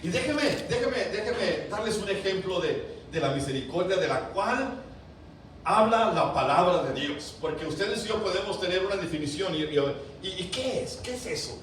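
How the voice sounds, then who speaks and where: A man preaching a sermon to his congregation, fervent, with loud emphatic peaks, quiet drops and many rhetorical questions. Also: sits high, lively intonation, normal speed. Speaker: pastor. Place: large church sanctuary. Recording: very echoey church, voice from a distance, faint room hiss.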